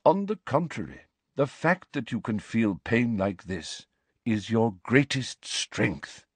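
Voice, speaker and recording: A man voicing a calm, very old male headmaster who speaks quietly and gently. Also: medium pitch, slow, husky, no echo, full character voice. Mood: calm, gentle.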